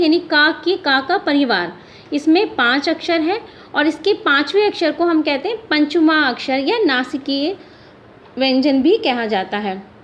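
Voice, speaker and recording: A woman teaching a grammar lesson for children, patiently sounding out each letter aloud. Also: high-pitched. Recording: slightly dull lo-fi audio with faint hiss.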